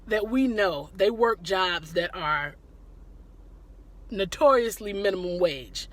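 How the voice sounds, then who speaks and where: Slow but animated, this mid-range female voice belongs to a relaxed live-stream host fielding questions from viewers. She keeps pausing to laugh and to say hello to people by name.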